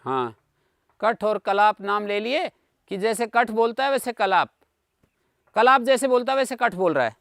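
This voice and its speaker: A man's voice: high-pitched, animated, normal speed, long pauses, a bit bright, dry recording, clean studio sound. A man teaching Sanskrit grammar in an online class, patiently explaining and checking in with his students. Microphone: video call.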